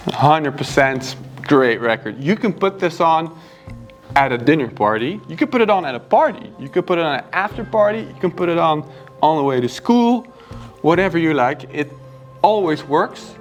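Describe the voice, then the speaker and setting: A man recommends an album with easygoing enthusiasm. His voice is a touch higher than most men's, and a little music drifts faintly behind him in the record store. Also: very animated, measured pace. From Belgium. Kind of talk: casual chat about favorite records.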